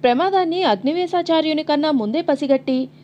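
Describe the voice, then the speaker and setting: High-voiced woman reading a novel dramatically. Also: brisk, muffled recording. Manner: dramatic, expressive storytelling. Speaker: audiobook narrator.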